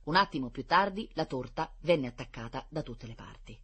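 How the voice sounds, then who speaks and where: A storyteller reading a children's book aloud, animated and adding playful asides. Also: medium pitch, normal speed, breathy edge.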